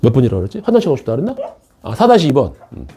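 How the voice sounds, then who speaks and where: A man's voice: mid-range voice, wildly swooping pitch, very fast, dark tone, a little hiss or hum. A male math teacher giving a classroom lecture, chatty and joking with his students and often checking they follow.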